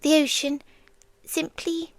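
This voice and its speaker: A British woman voices a sea demon in ASMR roleplay: female, childlike, possessive, tender and eerie. Her voice sits high and her delivery is flat, soft and breathy, often dropping to a whisper with slow pauses that coax. Recorded dry, the mood is quietly menacing.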